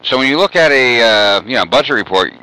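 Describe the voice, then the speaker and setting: A man's voice: mid-range voice, lively intonation, fast, pushed and bright, low-quality recording. A man being interviewed as a guest on a radio talk show, rambling and storytelling with many "you know" fillers.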